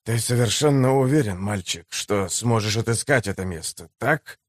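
A man voicing a cold, hushed slave trader. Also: lowish voice, moderate pace, dry recording, clean studio sound, pitched below the performer's own voice, natural voice. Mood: coaxing.

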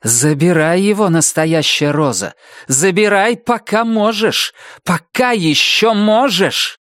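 A man voicing an eerie, commanding otherworldly woman from a painting, restrained and measured, turning shrill and inhuman. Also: animated, bright, forceful tone, no room sound, clean studio sound, full character voice. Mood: alarmed urgent.

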